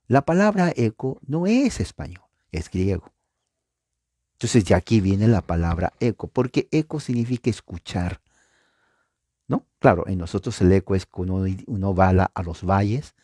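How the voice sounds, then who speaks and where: A man preaching a Bible teaching, talking to his listeners with rhetorical questions and sudden rises in pitch for emphasis. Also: clean studio sound. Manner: animated, pitch jumps up for emphasis and acted-out echoes.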